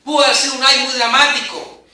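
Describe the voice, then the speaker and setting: A man's voice: very high-pitched, little pitch movement, fast, bright, forceful tone. A man preaching a sermon, emphatic and dramatic, swelling and dropping in intensity. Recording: very echoey hall, mic at a distance.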